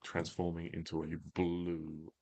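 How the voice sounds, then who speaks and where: A man narrating a tabletop fantasy game as game master, in a measured, theatrical storytelling manner. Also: low voice, monotone, mellow.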